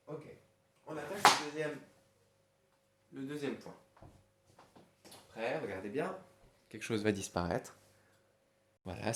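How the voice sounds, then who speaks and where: Man teaching a dictation in an echoey room. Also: medium pitch. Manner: patient, spells words letter by letter, hums to hide answers. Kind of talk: classroom dictation lesson. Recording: echoey room, faint noise.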